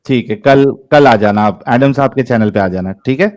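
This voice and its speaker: A man's voice: medium pitch, a little mellow, dull audio. A man from India hosting a live online debate, bossy and mocking as he questions callers. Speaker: debate host.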